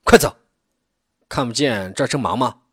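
Man voicing a blunt village chief, quick-tempered, husky low voice, dry. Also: fairly bright tone, no echo. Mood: indignant. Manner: blunt, indignant. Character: blunt, hot-tempered male village head.

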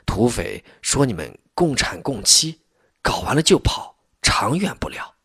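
A man voicing a poor peasant farmer who asks earnest, wary questions, with a husky voice. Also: mid-range voice, very animated, a little slow, sharp tone, no room sound, studio quality, voice pushed up, exaggerated voice. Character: poor middle-aged peasant man, wary but warm.

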